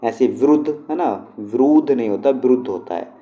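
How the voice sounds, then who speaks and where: A man walks through a spelling lesson. His voice is deep-toned and very mellow, at an ordinary pitch. He explains patiently and keeps checking in with his students. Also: expressive, normal speed, a little hiss or hum. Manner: explains patiently, with frequent check-ins to the class. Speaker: shorthand and typing teacher.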